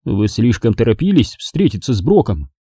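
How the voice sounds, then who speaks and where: A man's voice: mid-range voice, lively intonation, moderate pace, mellow, no echo, clean studio sound. A man reading an audiobook and voicing a blunt, persistent male detective who questions accusingly. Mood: pressing.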